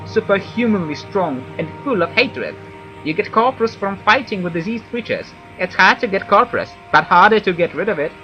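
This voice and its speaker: Man putting on a high, perky christmas-elf commoner. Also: muffled recording. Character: chatty, nervous male wood elf commoner, christmas-elf-like. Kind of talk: video game character read aloud.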